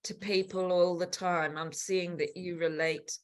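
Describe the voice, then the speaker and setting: A woman's voice: on the low side, a little slow. A woman in her sixties, a podcast guest, speaking frankly and emphatically in a candid conversational interview. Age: 60s. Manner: frank and emphatic, swinging between soft and animated.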